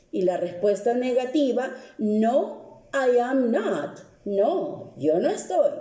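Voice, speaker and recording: A woman teaching an English lesson on video, speaking slowly and patiently and repeating each example, with a Peruvian Spanish accent. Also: a little high, dark tone, roomy sound.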